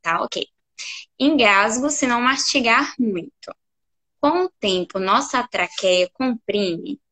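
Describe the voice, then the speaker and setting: Brief: woman from Brazil, high bright voice, polite moderator reading questions. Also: expressive, slow. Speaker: interviewer reading audience questions. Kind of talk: moderating a live Q&A.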